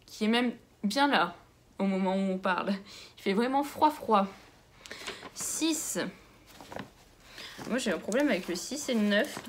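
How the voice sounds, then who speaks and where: A woman's voice: medium pitch, expressive, measured pace, long pauses. Young woman vlogging a book swap unboxing, gushy and chatty, mutters to herself, slight hiss and clicks behind. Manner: gushing, exclamatory; muttering softly to herself between items. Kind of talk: casual unboxing chat.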